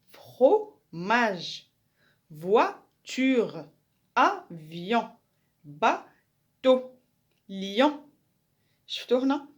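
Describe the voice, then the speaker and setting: A woman with an Algerian Arabic accent teaching a recorded lesson. She explains patiently and spells out French words and rules slowly, one at a time. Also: medium pitch, darkish tone. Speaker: primary school teacher.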